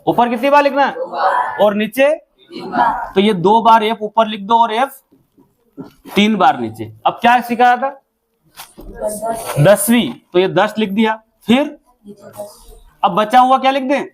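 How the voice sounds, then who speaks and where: High-voiced man teaching maths. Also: animated, a little slow, pauses often. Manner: asks pupils constant questions, then answers them himself. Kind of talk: classroom maths lesson.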